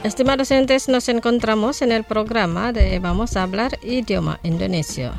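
A woman presenting a scripted radio language lesson, saying each word twice slowly and carefully. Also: a little high, vocal fry, music in the background. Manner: slow, careful repetition of words.

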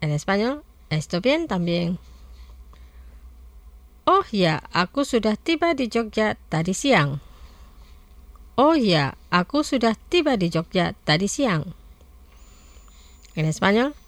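A woman presenting a scripted radio language lesson, saying each word twice slowly and carefully. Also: medium pitch, very animated, dry recording. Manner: slow, careful repetition of words.

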